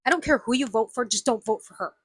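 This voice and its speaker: Fast and husky, this woman's slightly high voice comes through clean studio sound with no room noise. She's a US vlogger with a faint Southern accent, indignantly ranting her opinion to camera in her own video and hammering her points home emphatically.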